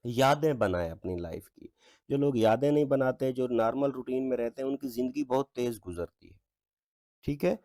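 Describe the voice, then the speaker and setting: A man teaching an English textbook lesson, reading example sentences slowly with stress and checking in with his students often. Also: medium pitch, sing-song, vocal fry, warm tone, dry recording, studio quality. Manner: reads English lines slowly with stress, asks "ठीक है?" often. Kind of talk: explaining a textbook exercise.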